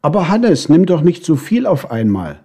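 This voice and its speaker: A man's voice: fairly high pitch, very animated, moderate pace, dark tone, husky, full character voice. A man voicing a firm but kind motherly neighbor beetle, in a storybook reading.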